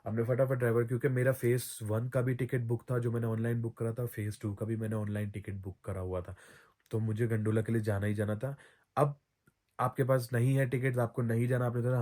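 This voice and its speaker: A man's voice: lowish voice, mellow. A man giving casual travel advice as a vlogger, chatty, often repeating himself and correcting his own slips. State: throat recovering from soreness.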